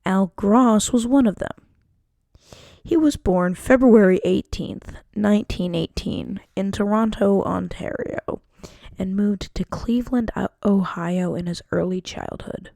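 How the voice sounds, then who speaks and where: A woman narrates a student history project, carefully reading a script aloud and stumbling now and then. Her medium-pitched voice is gravelly and mellow, a little slow, and captured in a dry, studio-quality recording.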